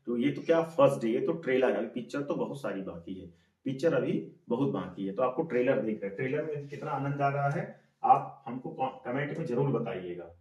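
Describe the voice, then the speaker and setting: A man's voice: medium pitch, lively intonation, brisk, a little mellow. A male English teacher with an Indian accent, teaching a class and drilling words by repetition, often asking and answering his own questions. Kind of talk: classroom lesson. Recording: echoey room, mic far off.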